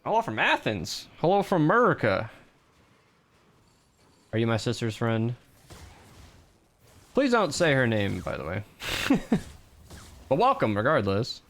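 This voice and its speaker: A man's voice: mid-range voice, wildly swooping pitch, measured pace, pauses often, a bit bright. A man live-streaming a game, chatting casually with viewers in a rambling, self-deprecating way and laughing often. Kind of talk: casual live-stream chat while gaming.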